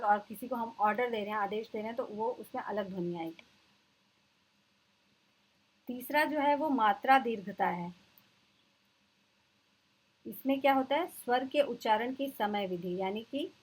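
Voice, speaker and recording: A woman teacher giving an exam-prep lecture, explaining terms and slowly repeating them for her students. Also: mid-range voice, slightly rough, poor audio.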